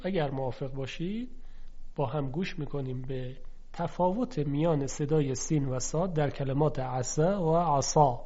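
A man teaching Quran recitation, explaining carefully and sounding out letters slowly to contrast them. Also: a little high, a little mellow. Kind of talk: instructional lesson. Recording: dull lo-fi recording.

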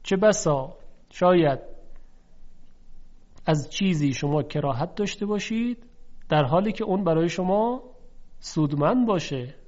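A man teaching Quran recitation, explaining carefully and sounding out letters slowly to contrast them. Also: high voice, expressive, a little mellow. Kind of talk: instructional lesson. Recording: dull lo-fi recording.

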